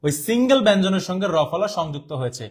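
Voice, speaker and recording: High-voiced young man teaching step by step. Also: sing-song, racing. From Bangladesh. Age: young adult. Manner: explains step by step, quizzing students with questions; repeats and drawls words to show how they are said. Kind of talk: online exam-prep class.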